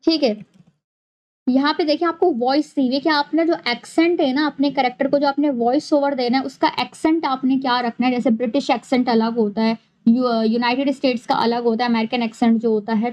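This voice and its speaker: A woman narrating a screen-recorded software tutorial, explaining each step patiently and repeating key points. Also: high-pitched, steady tone, brisk, low-quality recording. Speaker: animation tutorial host.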